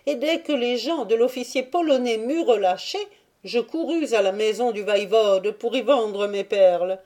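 A woman's voice: fairly high pitch, moderate pace, darkish tone, voice pushed up, close to an everyday voice. A woman reading aloud and voicing a fearful, pleading old male trader who protests his honesty. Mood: eager, voluble. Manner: voice raised, wheedling and protesting.

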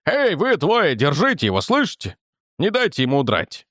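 Man doing a red-faced angry guard, loud, theatrical, scornful, storybook reading. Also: a little high, wildly swooping pitch, moderate pace, no room sound, studio quality.

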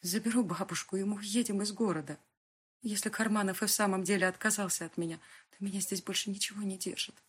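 A woman voicing a defiant, frightened young heroine in an audiobook, with a husky voice and shrill outbursts. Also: fairly even intonation, quick pace. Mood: shaky pleading.

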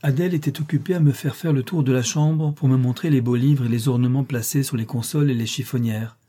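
A man reading a classic novel aloud as an audiobook in a measured, even way. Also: mid-range voice. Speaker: audiobook reader. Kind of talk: scripted narration.

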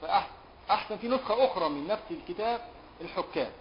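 An Egyptian man, a sheikh giving a classroom lesson on a law text, who chants verses slowly and quizzes his students in colloquial speech. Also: high voice, expressive. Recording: dull lo-fi lecture recording with faint hiss.

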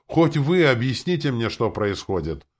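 A man's voice: medium pitch, very animated, moderate pace, voice pushed up. A man voicing a frightened, bewildered man who talks timidly and pleadingly. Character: frightened bewildered man, newly arrived stranger.

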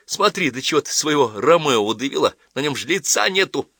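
A man's voice: on the high side, big pitch swings, a little fast, sharp tone, slightly rough, dry recording, clean studio sound, voice pushed up, full character voice. A man voicing a sardonic, mocking young man who lectures in a mock-solemn tone. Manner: jeering, preachy mock-solemn tone.

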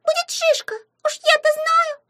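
Shrill bossy little girl sprite. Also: measured pace, full character voice. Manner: squealing, excitable. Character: mischievous tiny girl house sprite, bossy.

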